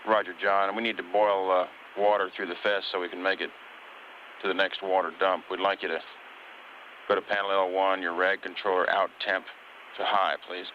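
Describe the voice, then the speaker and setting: A man working as a mission control communicator, talking to a spacecraft over radio in a measured, polite, procedural way. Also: low-pitched, level tone. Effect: radio transmission. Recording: dull hissy air-to-ground space radio.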